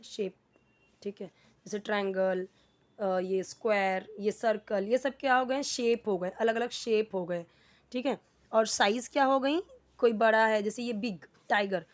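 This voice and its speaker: A woman's voice: medium pitch, fairly even intonation, unhurried. A woman teaching English, patiently asking and answering her own questions. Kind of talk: explaining a lesson.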